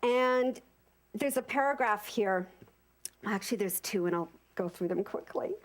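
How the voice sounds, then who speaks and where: A woman in her fifties giving an informal sermon to a congregation, animated and repeating phrases for emphasis. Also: medium pitch, measured pace. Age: 50s. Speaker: speaker at a spiritual center service.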